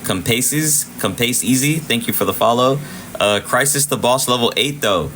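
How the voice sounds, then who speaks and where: Here a livestream trading host with a mid-range voice talks at normal speed, casually covering the charts. Chatty and prone to repeating himself, he shouts out viewers as his voice fades. Slight background noise is present.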